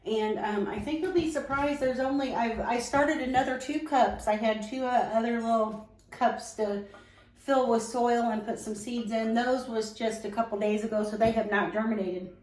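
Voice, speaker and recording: A woman hosting a casual home vlog, chatty and relaxed with many ums. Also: a little high, moderate pace. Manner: talks while tasting, mouth full. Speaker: home cooking vlogger. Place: home kitchen and growing room. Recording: roomy home echo.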